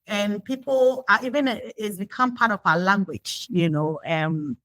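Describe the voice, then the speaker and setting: A woman's voice: mid-range voice, steady tone, normal speed, fairly bright tone, no echo, low-quality recording. A woman from Ghana being interviewed, talking reflectively with frequent fillers and restarts. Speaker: guest. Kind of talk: conversational interview.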